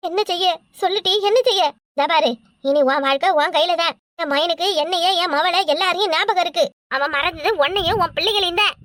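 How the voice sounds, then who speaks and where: A woman voicing a sharp-tongued old village mother-in-law in a cartoon, blunt and scornful, with a southern Tamil accent. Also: very high-pitched, fairly quick, no room sound, studio quality. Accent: southern Tamil Nadu.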